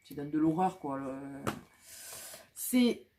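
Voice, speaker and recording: A woman's voice: low-pitched, animated, slow, mellow, slight background noise. A woman vlogging casually about flea market finds, talking with many fillers and restarts.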